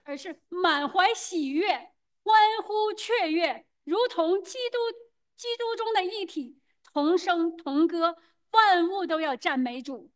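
A woman interpreting a sermon phrase by phrase, quick and hesitant, with fillers and self-corrections. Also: very high voice, animated.

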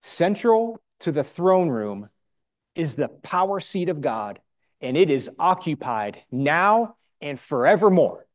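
A man preaching a sermon in short emphatic phrases, pausing for a live interpreter, with rhetorical questions. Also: fairly high pitch, very animated.

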